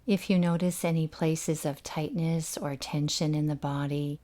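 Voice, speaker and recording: With a deep, steady voice, a woman leads a gentle and soothing guided meditation. She never rushes, allowing long pauses between her instructions.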